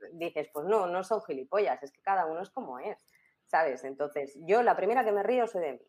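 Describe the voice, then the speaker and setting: A woman's voice: fairly low pitch, lively intonation, a little fast, a little mellow. A woman from La Mancha with a Spanish accent, talking in casual chat, reflective and hesitant with many fillers. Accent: Spain Spanish. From La Mancha, Spain.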